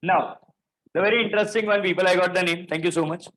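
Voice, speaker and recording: A man's voice: sits high, steady tone, fast talker, a bit bright, poor audio. A male teacher giving a classroom lecture, telling a story and often checking that the students understand.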